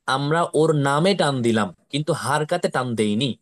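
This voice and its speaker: A man teaching how to read the Quran, slowly repeating syllables and asking his pupils to say them with him. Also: mid-range voice, expressive. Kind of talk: slow drilling lesson with repetition.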